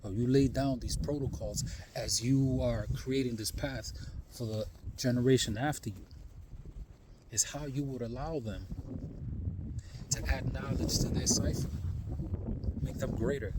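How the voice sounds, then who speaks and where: A man vlogging outdoors on a snowy forest trail, cold and tired from the hike, talking in a calm, musing way with frequent "you know" asides into a handheld phone. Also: mid-range voice, unhurried, pauses often, background noise. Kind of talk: reflective outdoor vlog talk.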